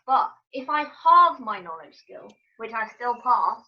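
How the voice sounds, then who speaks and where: A woman's voice: fairly high pitch, big pitch swings, unhurried, dull audio, slight background noise. A woman playing a tabletop game, eagerly explaining her moves. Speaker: player. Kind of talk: casual chat at a game table.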